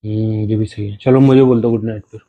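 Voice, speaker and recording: A man's voice: fairly low pitch, steady tone, fast talker, phone-quality sound, slight background noise. Man, young adult, prank video host, teasing, pleading, casual couple banter.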